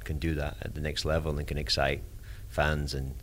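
A man answering an interview question as a coach, reflective and halting in his delivery. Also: very deep voice, level tone, fairly bright tone, a little hiss or hum. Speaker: soccer coach.

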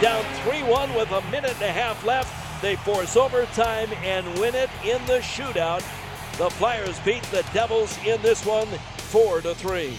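A man delivering rapid hockey play-by-play as an announcer, in excited, clipped calls that rise toward shouted goal calls. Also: high-pitched. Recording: broadcast clip with loud music. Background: loud music.

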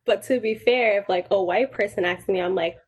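A woman from New York joins the chat and speaks in a lively way, playing the voices of the people she quotes. Her pitch sits in the middle. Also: brisk, slightly rough. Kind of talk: casual chat.

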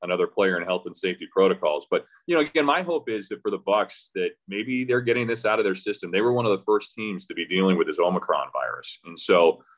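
With lively intonation and few pauses, a low-pitched man talks fast. As a radio play-by-play announcer guesting on a podcast, he casually discusses the game, sounding hesitant and conversational while thinking aloud with repeated restarts.

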